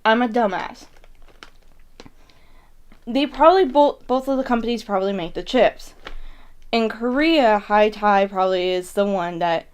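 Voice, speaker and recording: A woman's voice: medium pitch, measured pace, long pauses, clear, resonant tone. A woman hosting a casual snack-tasting vlog, rambling as she thinks aloud and corrects herself mid-thought. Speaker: mukbang host reviewing snacks. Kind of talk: casual vlog chat to viewers.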